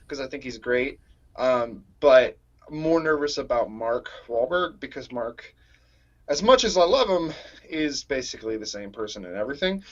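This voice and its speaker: A man co-hosts a casual podcast in a laid-back, hesitant way. His pitch is a little high and swings lively. The sound is muffled and lo-fi. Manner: laid-back, laughs often, hesitant fillers. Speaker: podcast co-host. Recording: dull lo-fi mic.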